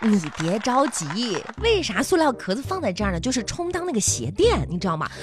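Bossy nagging wife. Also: female voice, on the high side, very animated, a little fast, noisy background. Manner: scolding, insistent nagging. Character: bossy, nagging wife, quick to take offense. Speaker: radio comedy host. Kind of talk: live comedy radio sketch. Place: radio studio. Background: music.

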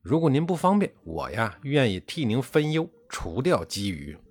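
A man's voice: medium pitch, big pitch swings, normal speed, slightly rough, dry recording, voice pushed up. A male storyteller voicing a scheming, ambitious nobleman who wheedles and then hisses threats. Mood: wheedling.

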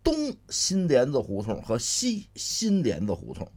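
A man's voice: mid-range voice, wildly swooping pitch, measured pace, a little mellow, breathy edge. A man with a Beijing accent performing solo comic storytelling, chatty, with explanatory asides to listeners. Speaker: solo crosstalk comedian.

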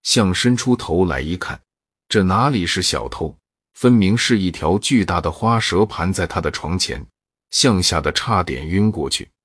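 A man narrating a folk tale in a steady, even storytelling manner. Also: deep voice, normal speed, breathy edge, dry recording, clean studio sound.

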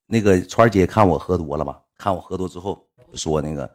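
A man's voice: deep voice, fast talker, darkish tone. A man with a Northeastern Mandarin accent telling a casual spoken anecdote, rambling and repeating himself with lots of fillers. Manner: rambling, repetitive, full of fillers. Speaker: storyteller.

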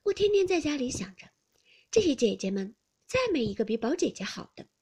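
A woman's voice: high-pitched, big pitch swings, dark tone, breathy edge, pitched above the performer's own voice, full character voice. A woman voicing an outspoken, blunt teenage noble girl who teases and scolds. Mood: wistful. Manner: blunt, quick-tongued, scolding.

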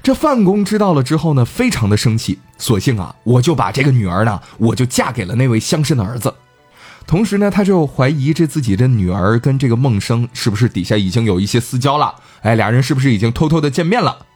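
A man hosting a podcast, telling a folk tale in a chatty, animated way. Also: mid-range voice, fast, breathy edge, soft background music. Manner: chatty, animated, laughing asides. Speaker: podcast host. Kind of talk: casual storytelling.

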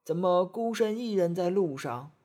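A man voicing a kindly old woman, a goddess in disguise, in a storybook tale, speaking slowly and softly. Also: sits high, expressive, voice pushed up. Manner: slow, soft and coaxing.

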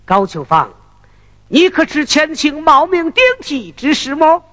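A man's voice: very high voice, sing-song, unhurried, pushed and bright, highs cut off, full character voice. An actor playing an older male official who questions a girl and coaxes her to speak, in stylized Henan opera delivery. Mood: coaxing. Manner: drawling, coaxing, wide swooping stage speech. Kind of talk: Henan opera stage performance.

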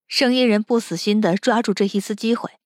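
A woman narrating a web novel audiobook in an expressive, dramatic reading. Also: mid-range voice, fairly quick, no room sound, studio quality.

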